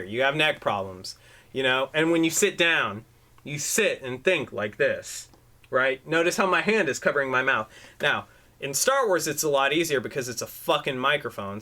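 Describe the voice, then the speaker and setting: This man co-hosts a loose, casual podcast, talking in a bright, somewhat high voice. He rambles, swears freely, and acts out his points as he goes. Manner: profane, rambling, demonstrative. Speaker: podcast co-host. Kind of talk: casual chat. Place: room at home. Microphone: desk microphone.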